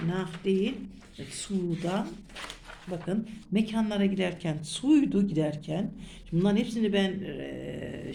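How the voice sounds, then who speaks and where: A middle-aged woman, a German teacher who gives a private lesson, drills questions and repeats words slowly. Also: mid-range voice, vocal fry, darkish tone, slight background noise. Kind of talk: private lesson, explaining grammar. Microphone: phone camera over a notebook.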